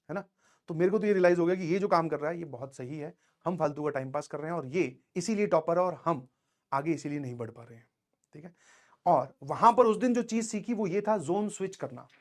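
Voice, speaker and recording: High-voiced male teacher, chatty pep talk. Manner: conversational, keeps checking in with listeners; tells personal anecdotes. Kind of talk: motivational talk to students.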